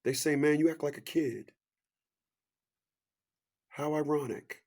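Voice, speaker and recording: A man in his fifties giving a preachy motivational monologue, asking rhetorical questions, repeating his catchphrases and swinging from loud, high bursts down to hushed asides. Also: takes it slowly. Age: 50s.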